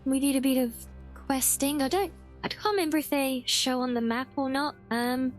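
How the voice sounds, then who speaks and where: Female streamer, high-pitched, chatty and rambling, casual gameplay talk. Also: moderate pace, faint music behind. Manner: chatty, rambling, thinking aloud. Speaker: game streamer.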